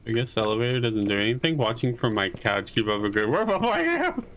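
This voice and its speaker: A man's voice: fast, fairly bright tone, slight background noise. A man commenting as he plays a horror game, reading lines aloud, talking to the monsters and yelping when scared. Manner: jittery, rambling, jumps to high-pitched yelps when scared. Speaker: gaming channel host.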